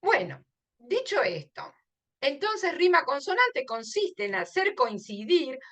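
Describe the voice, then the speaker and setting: A woman's voice: medium pitch, pushed and bright, muffled recording. A woman explaining a literature lesson, emphatic and often checking in with her listeners. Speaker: literature teacher.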